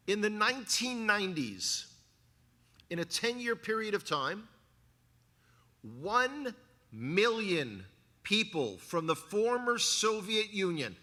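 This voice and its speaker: With a handheld mic in a church hall, a guest speaker who used to be a tour guide delivers a sermon-style talk. This Bronx native of New York sounds bright, sharp and high-pitched, staying lively and animated as he tosses jokes to the congregation.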